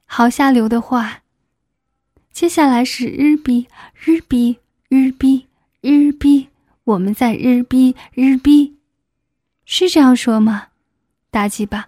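Lady reading as a shy married teacher, breathy, half whispering, highish voice, dry close mic. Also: mellow, no room sound. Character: married female schoolteacher, adult, shy but aroused.

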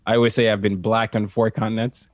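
An interview guest who works as a cultural translator and consultant, this Nigerian man grew up across several countries. He tells personal stories casually and animatedly, speaking fast in a lowish voice, with no room sound on the recording.

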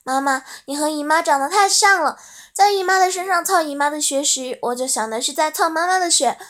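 A woman's voice: sits high, brisk, a bit bright. Woman reading as an eager young man.

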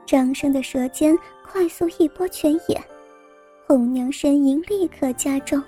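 A woman reads a scripted story in a high, mellow voice with a warm, dark tone. Her delivery is soft and even, carrying the narration steadily. Faint music plays quietly underneath. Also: measured pace.

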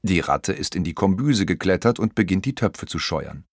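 A man narrating a children's audiobook in an expressive storytelling manner. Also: sits low, normal speed, no echo, studio quality.

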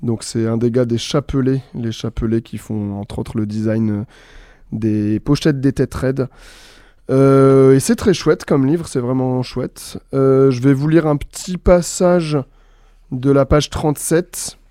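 Mellow man reading poems, dry sound. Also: medium pitch, a little slow, no room sound. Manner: relaxed, hesitant fillers, reading aloud. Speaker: host reading books and poems. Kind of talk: casual reading show.

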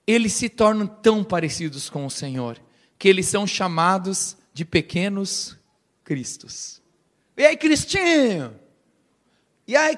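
A middle-aged Brazilian pastor delivers a lively sermon in a church, his voice sitting high for a man. He is animated and playful, slipping into quick impressions of other people as he preaches. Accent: Brazilian Portuguese. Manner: animated, playful, acts out quoted voices and laughs.

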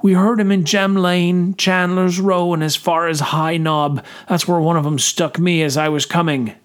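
A man's voice: a little high, fairly even intonation, moderate pace, pitched above the performer's own voice, natural voice. A man voicing a wounded young soldier who gasps out an urgent report in pain. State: out of breath, in pain. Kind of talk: audiobook character voice.

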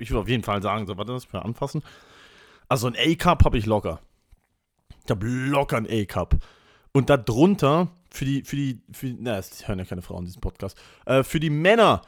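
A man's voice: mid-range voice, no room sound. A man hosting a podcast in a casual comedic monologue, rambling and crude with wired energy, recorded on a close mic in a small room. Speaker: podcast host.

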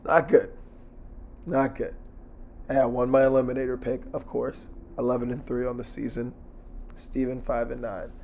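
Hoarse, gravelly man hosting a sports podcast. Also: mid-range voice, flat delivery, moderate pace, long pauses, a little mellow, slight background noise. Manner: blunt, slangy, sweary. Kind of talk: casual solo sports betting commentary.

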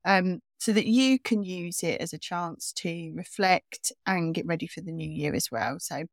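A woman co-hosting a podcast in casual, self-mocking chat, with a croaky morning voice. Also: lowish voice, dry recording, clean studio sound. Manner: chatty, self-mocking, quick restarts. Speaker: podcast co-host.

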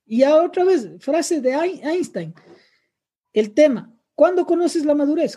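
A woman's voice: sits high, warm tone, husky. A woman speaking as a church leader on a discussion panel, giving preaching-style talk and firing rhetorical questions at her listeners.

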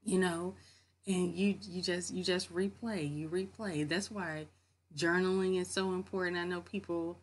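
A woman's voice: lowish voice, fairly even intonation, measured pace. A woman vlogging from her home office, giving casual, earnest motivational talk about faith and often repeating her key phrases.

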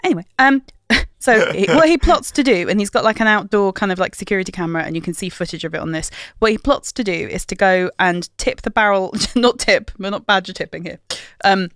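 A woman's voice: mid-range voice, brisk, a bit bright, no room sound. Giggly woman, dry close mic. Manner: giggly, chatty, storytelling. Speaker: podcast co-host. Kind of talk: casual chat, reading tweets aloud. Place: home room at night.

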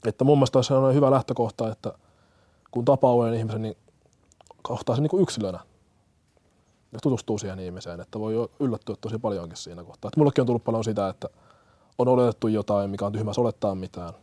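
Young man, low voice, earnest, hesitant, dry close sound. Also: dark tone, no room sound. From Kenya. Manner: earnest, hesitant, many fillers and restarts. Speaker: firefighter-paramedic. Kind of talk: interview answers.

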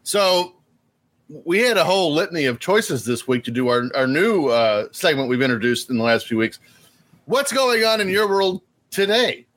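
A man's voice: a little high, sing-song, moderate pace, a bit bright. A man hosting a casual podcast, reading plugs and introducing segments with dry wisecracks. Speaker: podcast host.

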